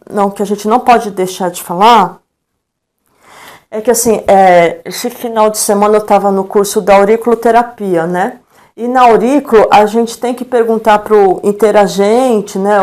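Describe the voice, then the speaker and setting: A middle-aged woman with a Brazilian Portuguese accent, a guest educator telling stories in a live-stream interview and acting out the dialogue she quotes. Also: medium pitch. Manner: lively storyteller, acts out quoted dialogue, frequent tag questions.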